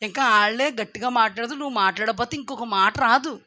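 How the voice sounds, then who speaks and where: A woman delivers a sermon in a high, bright voice. She is emphatic, rising to loud exclaims, then dropping into quiet asides. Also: quick pace. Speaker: preacher.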